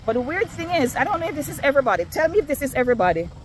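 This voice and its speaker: A Jamaican woman vlogs on her phone while walking down a neighborhood street, chatting casually with viewers and slightly out of breath. Her voice is high-pitched and sing-song, racing along, with slight background noise.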